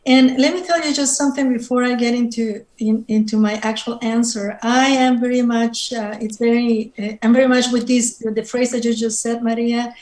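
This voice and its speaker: A woman's voice: on the high side, steady tone, normal speed, few pauses, darkish tone. A middle-aged woman from Mexico with a Mexican Spanish accent, a native Spanish speaker, speaking thoughtfully as a panelist on a video call and searching for her words. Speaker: panelist writer. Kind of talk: reflective panel conversation. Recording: roomy video-call audio.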